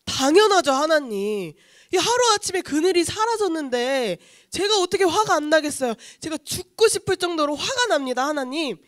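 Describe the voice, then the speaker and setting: A woman's voice: sits high, sing-song, brisk, no echo, clean studio sound. A woman doing a whiny, complaining male prophet. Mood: whining complaint. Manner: whining, complaining, pleading.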